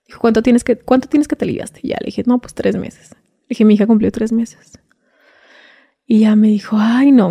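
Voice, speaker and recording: Guest, woman, Mexican Spanish accent, dark, husky-gravelly tone, dry close sound, chatty storytelling that slips into a hush. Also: on the high side, dry recording. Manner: retells events through quoted back-and-forth dialogue, often 'le dije'. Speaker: guest telling her story. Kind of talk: conversational first-person account.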